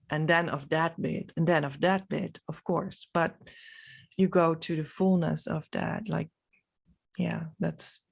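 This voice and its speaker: A Dutch woman from the Netherlands, speaking her native language's accent, delivers an unscripted, reflective monologue as a spiritual vlogger, her phrases halting and trailing off. Her voice is deep and creaky.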